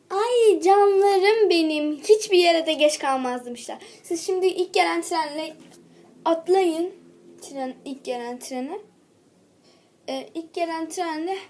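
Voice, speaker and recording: A woman's voice: very high voice, darkish tone, a little hiss or hum. A woman voicing a bossy, fussy female pony schoolteacher who nags her pupils in a toy role-play. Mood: fussing. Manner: nagging, hurrying the pupils along.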